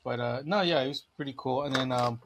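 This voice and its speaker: A man hosting a casual podcast chat about collectible toys. His throat is phlegmy and he clears it often, and he talks in an easygoing, chatty way with lots of fillers. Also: mid-range voice, quick pace, a little hiss or hum. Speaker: podcast host.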